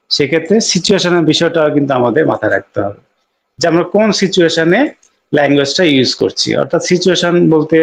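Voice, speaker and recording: Man teaching in a measured lecture style. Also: fairly high pitch, poor audio. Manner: explains step by step, often checking with "okay?"; repeats key sounds and words slowly for emphasis. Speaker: English teacher.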